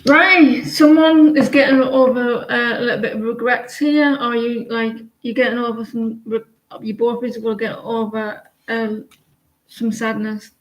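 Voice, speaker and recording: A woman giving a casual live tarot reading, chatty and halting, often trailing off and restarting. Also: a little high, steady tone, lo-fi sound. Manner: chatty, halting, sings snatches of songs between readings. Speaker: tarot reader. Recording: echoey room, faint noise.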